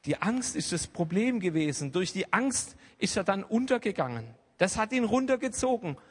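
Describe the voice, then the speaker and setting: A man's voice: high-pitched, big pitch swings, normal speed, husky. Man preaching with big swings in volume. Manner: swings between hushed asides and loud emphatic outbursts. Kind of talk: sermon. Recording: long hall reverb.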